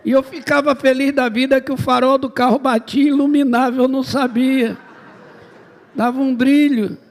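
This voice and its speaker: A man's voice: very high voice, little pitch movement, moderate pace. A man, a missionary preacher telling a humorous testimony and acting out the dialogue.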